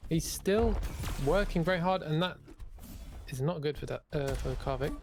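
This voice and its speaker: A man's voice: on the high side, normal speed, gravelly, noisy background. A man casting a live esports match in a wry, understated, polite way. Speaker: esports caster and event host. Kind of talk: live game commentary.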